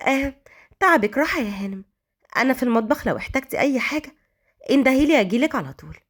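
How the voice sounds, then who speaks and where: A woman's voice: high-pitched, big pitch swings, very fast, a bit bright, heavily acted. A woman voicing a nervous young maid with an Egyptian accent, answering meekly. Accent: Egyptian Arabic. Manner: nervous and meek. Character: timid young orphan maid.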